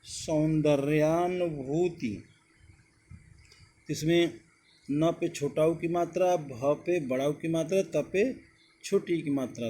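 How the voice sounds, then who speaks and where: A man's voice: a little high, warm tone, slight background noise. A man teaching an exam-prep spelling lesson, reading out words one at a time and correcting each one. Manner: slow, deliberate dictation of words one by one.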